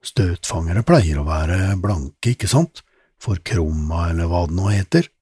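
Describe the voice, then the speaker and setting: A man's voice: low voice, lively intonation, mellow, husky, no echo, clean studio sound. A man doing a shrewd, observant young kid. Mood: reasoning. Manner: explaining, measured. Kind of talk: audiobook character voice.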